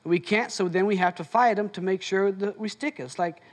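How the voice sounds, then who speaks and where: Male seminar leader with a high speaking voice, a chatty storyteller who plays both sides of each exchange. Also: fairly quick. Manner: anecdotal storyteller acting out both sides of conversations. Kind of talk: motivational seminar talk. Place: seminar room before an audience.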